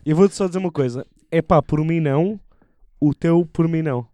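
Man, high mellow voice, rapid casual banter, sweary, argumentative. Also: no echo. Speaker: podcast co-host. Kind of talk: casual banter among friends.

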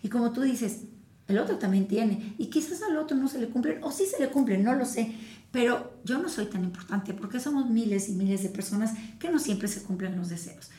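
Calm reflective woman, roomy sound. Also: fairly high pitch, fairly quick. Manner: calm, reflective, explaining with everyday examples. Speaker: podcast co-host. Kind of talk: casual wellness chat. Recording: echoey room.

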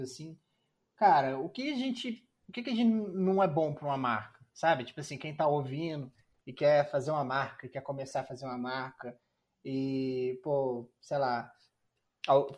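A Brazilian man co-hosting a podcast, asking questions in a laid-back, slangy way and drawing out his phrases. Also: fairly high pitch. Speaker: podcast co-host. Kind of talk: casual podcast chat.

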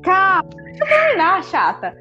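A woman's voice: very high voice, huge pitch swings, normal speed, sharp tone, dull audio, soft background music. A young woman hosting a casual chat, telling a personal story with lots of fillers and acted-out quoted dialogue.

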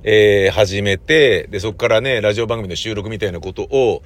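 Speaking at a moderate pace in a fairly low voice, this middle-aged audio drama producer and recordist rambles casually on his own. He tells stories while acting out how he reacted, and his manner is blunt, slangy and self-deprecating.

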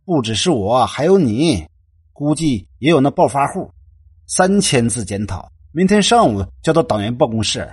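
A man's voice: mid-range voice, very animated, normal speed, slightly rough, no echo, studio quality. A man voicing a young student who sighs and grumbles about being caught skipping class. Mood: grumbling. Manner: sighing, complaining.

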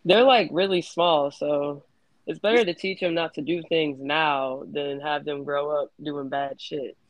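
A woman's voice: low voice, fairly even intonation, unhurried, highs cut off. A woman guest in a casual chat, cheerful, laughing often and giving short replies.

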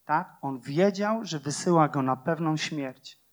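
A man with a fairly high pitch preaches a little slowly but with passion, repeating phrases and posing rhetorical questions. His delivery swings from loud declarations to hushed, quiet moments.

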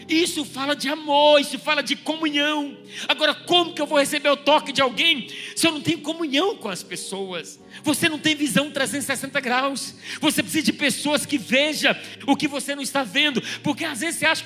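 Male pastor, forties, church sermon, fast and joking, bright high voice, faint music underneath.

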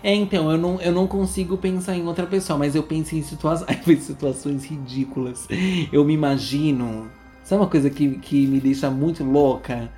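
A woman's voice: deep voice, fairly even intonation, moderate pace, dark tone, faint music behind. A woman co-hosting a podcast, chatting casually and often exclaiming in embarrassment. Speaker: podcast co-host. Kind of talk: casual chat.

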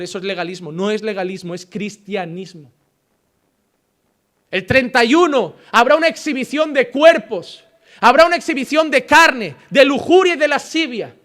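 Un hombre que predica en un sermón con una voz llamativamente aguda para un varón. Pasa de exclamaciones fuertes a frases bajas y serenas, y representa con viveza las preguntas de la congregación antes de responderlas. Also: male voice. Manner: preaching with sudden swings from loud exclamations to quiet, low statements; acts out questions from church members in a quick exchange. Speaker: pastor. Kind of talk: sermon.

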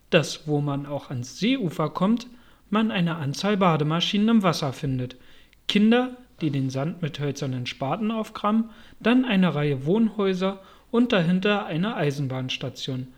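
A narrator reading a storybook aloud in a calm, even storytelling manner. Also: medium pitch, moderate pace. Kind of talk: audiobook narration.

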